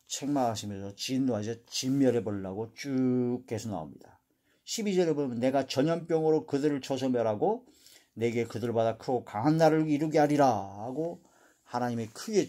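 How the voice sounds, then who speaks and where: A man giving a Bible exposition, reading verses aloud and explaining them, trailing off quietly at the end of sentences. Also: medium pitch. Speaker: Bible teacher.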